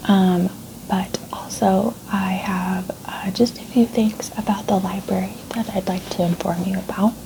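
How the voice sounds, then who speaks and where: A woman speaking in a soft, breathy near-whisper in a whispered role-play as a gentle, polite and reassuring librarian. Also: medium pitch, steady tone, measured pace, background noise. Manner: polite, reassuring, gentle customer-service phrasing. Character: gentle, helpful female librarian. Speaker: ASMR creator playing a librarian.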